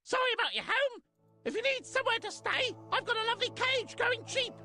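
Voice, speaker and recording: A woman voicing a cheeky, squawking video game parrot, loud and exclamatory with a screechy delivery. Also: very high-pitched, lively intonation, brisk, soft background music, heavily acted. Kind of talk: video game character acting.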